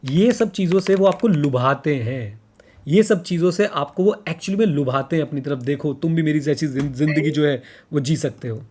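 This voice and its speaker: A fairly high-pitched man, talking casually as a podcast co-host. He hammers his points home, repeating them, and slips English phrases into his speech. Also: moderate pace, darkish tone.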